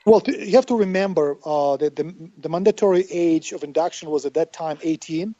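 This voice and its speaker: A man's voice: fairly high pitch, fairly quick, mellow, dry recording. A man from Siberia with a Russian accent, telling stories casually as an interview guest, often searching for words. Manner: hesitant phrasing, searching for words. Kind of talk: casual conversational storytelling. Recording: muffled, band-limited online call audio.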